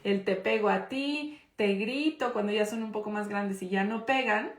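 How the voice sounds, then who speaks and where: A woman's voice: medium pitch, moderate pace. Emphatic woman teaching in an echoey room. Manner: conversational, checks in with the audience often; emphatic, stresses key points. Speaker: parenting course instructor. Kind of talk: live online class.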